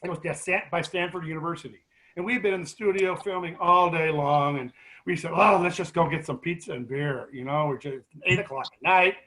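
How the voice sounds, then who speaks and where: A middle-aged man with a fairly high-pitched voice speaks as a guest at a grief support meeting. He tells his story to the group casually and with animation, often stopping and restarting his sentences. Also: low-quality recording. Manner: animated, halting, many restarts.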